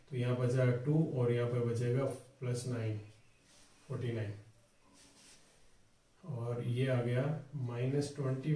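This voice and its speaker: A man's voice: mid-range voice, warm tone. A man teaching a step-by-step board exam math tutorial, asking questions and answering them himself. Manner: talks through each step, asking and answering his own questions. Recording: echoey room, voice from far off.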